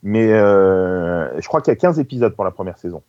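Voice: sits low, animated, normal speed, muffled recording. A podcast co-host chatting casually about TV series, agreeable and stumbling over restarts. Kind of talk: casual chat reviewing TV series.

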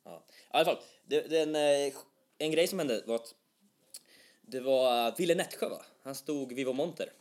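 A young man co-hosting a casual podcast, telling anecdotes in a lively, animated way. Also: mid-range voice. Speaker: podcast co-host. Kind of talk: casual chat.

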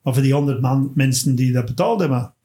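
A man from England, a stand-up comedian chatting casually and telling stage anecdotes in an animated way. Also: medium pitch, fast talker. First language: English. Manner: animated storyteller, tags lines with "hè".

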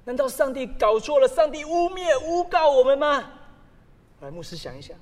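A man preaching a sermon as a pastor, telling stories with sudden loud exclamations. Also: extremely high pitch, very animated, moderate pace. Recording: long hall reverb.

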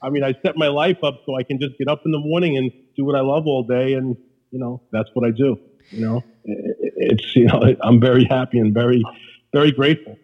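Queens accent new york guy, kinda husky, chatting casually and repeating stuff for emphasis, lo-fi audio. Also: mid-range voice, fairly even intonation, brisk. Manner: emphatic, repeats himself, peppers talk with "you know". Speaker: podcast guest, restaurateur. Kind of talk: casual conversation.

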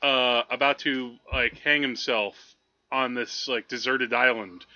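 A man co-hosting a podcast talks films in a loose, enthusiastic ramble, saying "like" often. His mid-range voice is pushed and bright, fairly even in intonation, and unhurried. The recording comes across dull.

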